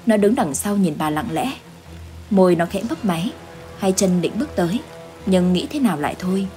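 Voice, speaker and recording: A woman storyteller giving a measured, dramatic scripted narration of a ghost story. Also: lowish voice, expressive, dark tone, faint music behind.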